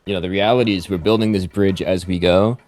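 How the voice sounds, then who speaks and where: A man, an indie game developer, chatting casually and rambling into animated rants about how his team builds games. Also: deep voice, fast.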